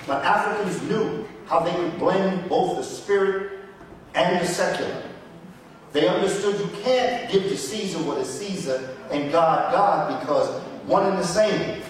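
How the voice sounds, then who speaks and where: A man whose voice sits high gives an impassioned, sermon-like history lecture, stressing points and repeating words for emphasis. The recording comes from far away in a large echoey hall, with slight background noise.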